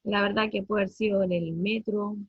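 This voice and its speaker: A Chilean woman in her thirties recounts her family's ordeal in a husky, slightly breathy voice, repeating words and hesitating often. The sound is dry and close, with a dull, muffled top end. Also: medium pitch, steady tone, no room sound. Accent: Chilean Spanish. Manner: halting, many fillers and repetitions, voice breaking with distress. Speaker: parent giving a family testimony. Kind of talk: emotional personal testimony.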